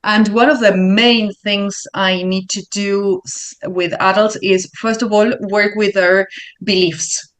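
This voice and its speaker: A woman from Uruguay speaks English with a Spanish accent, answering interview questions at a thoughtful pace. She pauses often and fills gaps with small hesitations while she finds her words. Her pitch sits at an ordinary middle level. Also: fairly even intonation. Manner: thoughtful, searching for words with fillers. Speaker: learning consultant guest.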